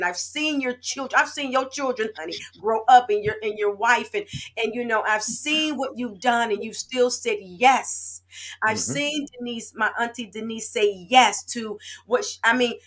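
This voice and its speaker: A woman's voice: on the high side, pushed and bright. A woman hosting an inspirational talk show over a video call, effusive and heartfelt, close to tears at times.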